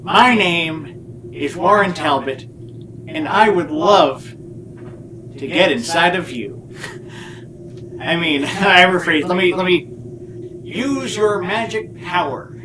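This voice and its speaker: An awkward, eager young man , as a performer plays him fumbles through his request at a slow, halting pace. Noise hums behind him. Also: medium pitch, lively intonation. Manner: awkward, giggly.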